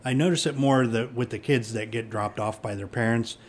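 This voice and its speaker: A man's voice: medium pitch, fairly even intonation, a little fast. Easygoing middle-aged man, rambling chat. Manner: easygoing, rambling with many fillers and restarts. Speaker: police chief. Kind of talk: casual conversation.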